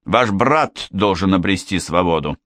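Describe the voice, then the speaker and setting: A man voicing a stern, dignified middle-aged police superintendent who speaks in a slow, measured way. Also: deep voice, expressive, a bit bright, no echo, clean studio sound.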